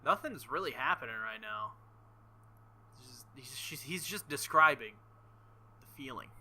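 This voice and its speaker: A let's play host with a mid-range, expressive voice, pushed and bright with a breathy edge, reads a visual novel aloud and tosses in casual commentary. He halts and sounds embarrassed, often breaking into nervous laughter.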